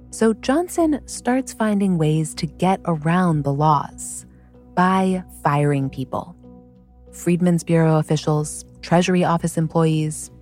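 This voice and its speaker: Woman host, slightly low, mellow voice, wry scripted history narration over faint music. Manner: wry, conversational storytelling. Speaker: podcast host.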